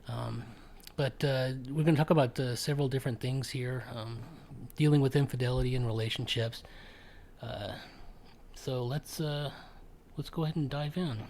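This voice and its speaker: A man hosting a casual podcast chat, talking in a halting way with many ums and restarts. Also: medium pitch, fairly even intonation, a little mellow, slight background noise. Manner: hesitant, full of ums and restarts. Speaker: podcast host.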